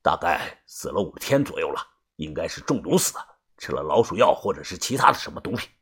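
A storyteller voicing a steady middle-aged man who speaks low, curt and matter-of-fact in a storybook reading. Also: fast talker, husky. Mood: grim.

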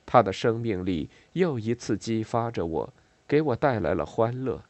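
A man narrating a novel in a measured reading style with expressive, varied intonation. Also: lowish voice, dry recording. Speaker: audiobook narrator.

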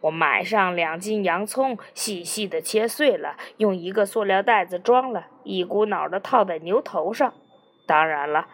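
A cheeky, wisecracking man, as a woman reader puts him on in an audiobook. He teases and spins folksy tall tales in a slightly lower, husky voice that stays at an ordinary pitch overall. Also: natural voice. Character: joking, cheeky middle-aged man in therapy. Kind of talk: audiobook character reading.

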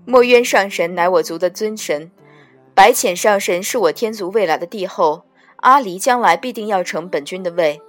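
A woman voicing a calm, cold male crown prince who speaks in measured threats. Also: mid-range voice, soft background music, lightly acted.

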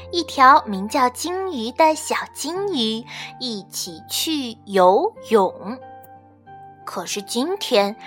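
A woman reading a children's storybook aloud, expressive and measured. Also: a little high. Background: faint children's music.

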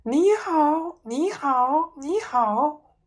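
A woman's voice: sits high, animated, drawn-out words, voice pushed up, exaggerated voice. A woman voicing a chattering pet parrot that keeps repeating its greeting in a squawky voice. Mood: chirpy. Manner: repetitive, squawking.

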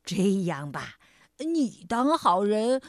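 A woman's voice: medium pitch, sing-song, slow pace, dry recording, clean studio sound, pitched below the performer's own voice. A woman voicing a big, strong male tiger in a children's storybook reading, with a drawling, smug put-on voice. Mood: coaxing.

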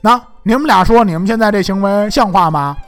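A man's voice: high-pitched, a little fast, fairly bright tone, clean tone, soft background music. A man voicing a proud, fierce young noblewoman who scolds sharply and imperiously. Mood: scolding.

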